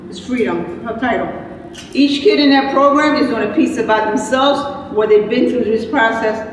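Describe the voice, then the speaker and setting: An older woman, an education director, speaking in a meeting with hesitant fillers and laughing asides. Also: fairly high pitch. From mainland United States. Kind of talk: meeting discussion. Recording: echoey hall from far off, noisy.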